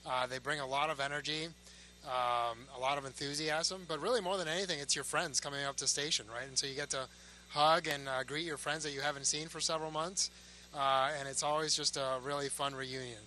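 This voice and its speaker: A man's voice: a little high, steady tone, fairly quick, sharp tone. A man speaking as an astronaut interviewee, answering casually from aboard a space station. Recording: noisy space station link with hum.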